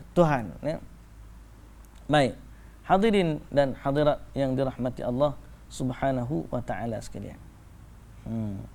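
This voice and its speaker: High gravelly preacher man. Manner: lively storyteller who acts out dialogue in shifting voices. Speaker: religious teacher. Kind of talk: religious lecture with storytelling. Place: lecture before a live audience.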